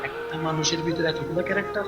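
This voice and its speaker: A high-voiced man with a preaches over a PA at an outdoor gathering, often breaking into shouts. He calls out to the crowd and keeps asking it to answer back. Loud music and a large crowd fill the background. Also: steady tone, quick pace. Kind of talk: Bengali waz sermon.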